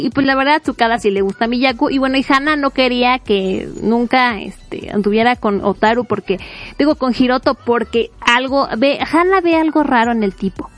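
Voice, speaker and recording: High-pitched woman, a lively storyteller who acts out character voices. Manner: animated, chatty, laughs often, acts out characters' lines. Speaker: manga reviewer. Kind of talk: casual retelling of a manga plot.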